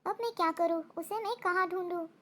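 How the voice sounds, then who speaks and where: A woman's voice: extremely high pitch, brisk, fairly bright tone. A woman voicing an anxious mother sparrow in a cartoon story. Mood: worried. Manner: anxious, fretful. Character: worried mother sparrow searching for her chick.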